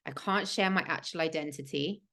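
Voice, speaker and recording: A woman's voice: low-pitched, fairly quick, fairly bright tone. A woman, hosting a livestream and telling a personal story in an earnest, emphatic way with many "like" fillers. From England. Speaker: host of a spiritual podcast.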